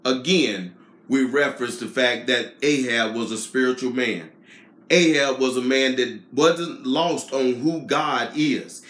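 A man's voice: medium pitch, a little slow, a bit bright. A man teaching a Sunday school Bible lesson in an earnest, explanatory way. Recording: echoey room.

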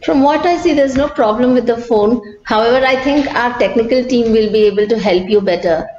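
A woman with an Indian accent playing a calm, reassuring customer service executive, speaking in a polite, formal customer service voice. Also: a little high, fairly quick, close to an everyday voice. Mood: polite, composed. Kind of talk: customer service role-play. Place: small office with bare walls. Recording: echoey room, dull sound, faint noise.

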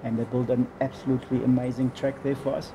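Gravelly Namibian man with background noise. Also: medium pitch, little pitch movement, fast. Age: middle-aged. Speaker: interview guest, motorsport organiser. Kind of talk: casual explanatory chat. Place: small indoor lounge set, seated on a couch. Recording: clearly noisy room sound.

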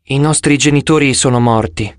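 A man's voice: mid-range voice, normal speed, dry recording, clean studio sound, natural voice. A man voicing a frightened, defensive twelve-year-old girl in an audiobook. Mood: wary.

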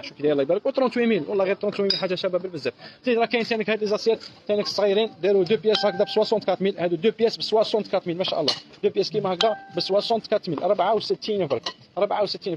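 A man running a live sales pitch as a shop seller, repeating each price over and over. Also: muffled recording, a little hiss or hum.

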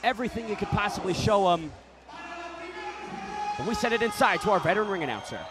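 A man's voice: high voice, lively intonation, fast, over music, crowd noise. A man doing live play-by-play commentary on a fight.

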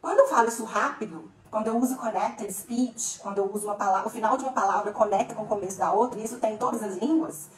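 A woman teaching English grammar to Portuguese speakers, lively, slowing down to spell out each English example. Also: medium pitch, far from the mic. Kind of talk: explaining grammar to camera. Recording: echoey room, a bit off-mic.

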